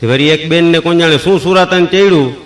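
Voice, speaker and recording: A man's voice: on the high side, fairly quick. A man with a Kathiyawadi Gujarati accent doing stand-up comedy, telling folksy anecdotes and acting out the dialogue.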